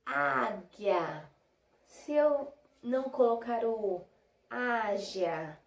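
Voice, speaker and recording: A Brazilian woman teaching young children, stretching out each word slowly so they can hear every sound. Her voice sits fairly high but sounds mellow and soft, and the room around her echoes. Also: expressive. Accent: Brazilian Portuguese. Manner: slow, drawn-out syllables when modelling words; patient, checks understanding with short questions. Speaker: primary school teacher. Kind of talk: recorded Portuguese lesson for young children.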